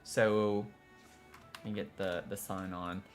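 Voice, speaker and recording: Male streamer, Southern accent, slightly low register, chatty and self-interrupting, soft music under. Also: little pitch movement, slow. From Tennessee, US. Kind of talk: casual live-stream chat while building in a game.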